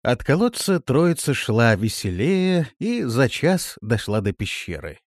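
A man narrates a fantasy audiobook, reading with lively, expressive pitch. His voice sits in the middle range. It is a dry, close recording with no room sound. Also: measured pace, dry recording.

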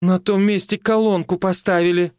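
An excitable young wife, tender and quick to tears, her voice lifted high and bright. A man narrating an audiobook puts her on. The sound is close and dry. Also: clean tone, dry recording, natural voice. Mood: excited.

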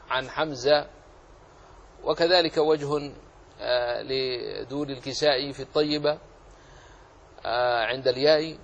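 A man's voice: on the high side, gravelly, breathy edge, highs cut off. A man teaching a lesson on Quran recitation rules, explaining patiently and repeating key phrases. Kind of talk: Islamic lesson on tajweed rules.

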